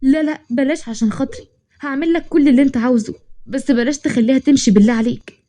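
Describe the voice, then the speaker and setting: A woman's voice: sits high, rapid-fire, lightly acted. A woman voicing a stubborn, proud young woman, speaking with an Egyptian accent, pleading and prickly by turns. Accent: Egyptian Arabic. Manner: pleading then sharp and irritated.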